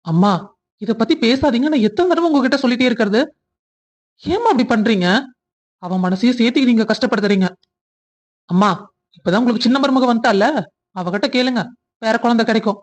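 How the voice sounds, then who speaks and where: Brief: mid-pitched cartoon husband with a Kongu Tamil accent, protective and pleading, acted by one performer. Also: brisk, long pauses, a little mellow, natural voice. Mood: frustrated. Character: earnest young husband, defending his wife. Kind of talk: cartoon family drama voice acting.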